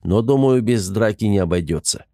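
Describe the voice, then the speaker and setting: A practical male warrior scout, terse and matter-of-fact, in a low, dry voice, read by a male narrator. He reports plainly in short sentences, with no flourish. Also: lively intonation, normal speed, dark tone, no echo.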